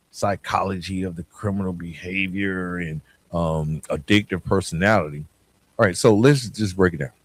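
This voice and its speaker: Posing rhetorical questions straight to his listeners, a man hosts a podcast in a down-to-earth, conversational, motivational way. His voice sits low, and the recording has no echo.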